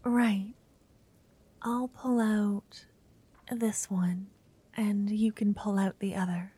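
A woman's voice: mid-range voice, flat delivery, slow, breathy edge. A woman voicing a shy, nervous young noblewoman in a whispered roleplay, stammering now and then. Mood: nervous whispering. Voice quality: soft whisper. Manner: hesitant, stammering.

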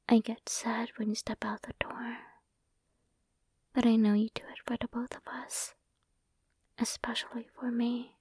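Soft whispering young woman, slow and hushed. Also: on the high side, little pitch movement, breathy edge, no room sound. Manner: sweet, affectionate, slow. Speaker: ASMR performer. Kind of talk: ASMR roleplay. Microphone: close sensitive microphone.

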